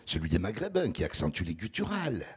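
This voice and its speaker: A man putting on a deep, velvety voice with a Toulouse accent, slow and mock-solemn. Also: huge pitch swings, slightly rough, heavily acted. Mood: warm mock-solemn.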